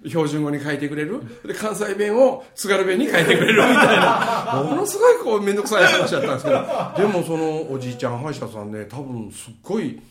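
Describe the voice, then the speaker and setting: A man's voice: sits high, sing-song, fast, few pauses, echoey room, a loud crowd. A middle-aged man with a Kansai accent, telling a funny story in casual chat, laughing as he goes. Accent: Kansai Japanese. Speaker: podcast host.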